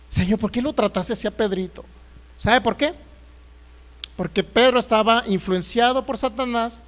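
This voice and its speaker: A man preaching a sermon as pastor, asking the congregation questions and acting out Bible figures. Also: high voice. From Mexico. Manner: lively preaching, acts out voices of Bible figures, rhetorical questions.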